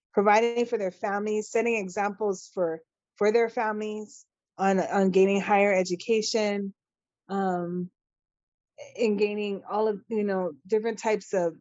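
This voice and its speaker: A woman's voice: mid-range voice, darkish tone, dry recording. A woman, a podcast guest speaking earnestly and with feeling, often restarting her sentences. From Hawaii. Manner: earnest and impassioned, with halting restarts. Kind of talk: casual podcast interview. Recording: dull, dry lo-fi sound.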